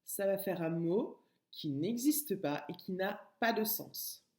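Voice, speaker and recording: A woman's voice: medium pitch, expressive, slow, dark tone, reverberant. A woman teacher giving a recorded lesson to young children, speaking patiently and addressing the child directly. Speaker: kindergarten teacher.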